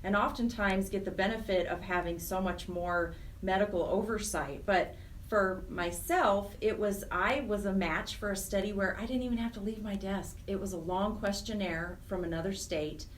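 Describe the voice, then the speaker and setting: Speaking at a moderate pace in a mid-range voice, an American woman earnestly lays out her points with emphasis during a radio interview. She is there as the program director of a nonprofit chapter, and the mic is far off, adding faint noise.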